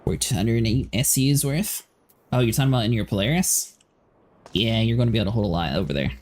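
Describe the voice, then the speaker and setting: A man's voice: lowish voice, animated, a little fast, darkish tone, slight background noise. A man hosting a livestream, chatting casually about a game, laughing often and filling his talk with "like". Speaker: livestream host. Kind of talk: casual gaming chat.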